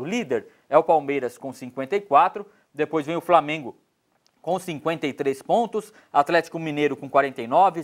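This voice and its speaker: Brisk sports commentator, man. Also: on the high side. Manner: brisk, informal delivery with frequent fillers. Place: small TV studio. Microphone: lapel mic.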